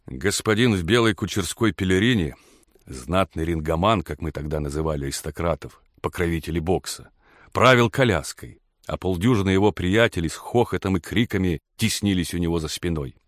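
Deep-voiced male audiobook narrator. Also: lively intonation, brisk, no echo, studio quality. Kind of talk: scripted narration.

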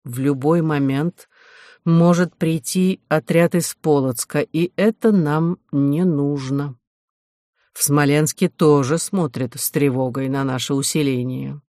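Stern older bishop, slow measured speech, quiet and cold, audiobook figure, put on by the reader, dry recording. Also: medium pitch, no echo, close to an everyday voice. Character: stern scheming medieval bishop, older man.

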